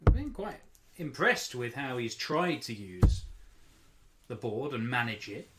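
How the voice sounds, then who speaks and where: A male darts commentator speaks at a medium pitch in live sports style. He weighs up each throw and choice analytically. The recording has loud background noise with clicks. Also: big pitch swings, measured pace.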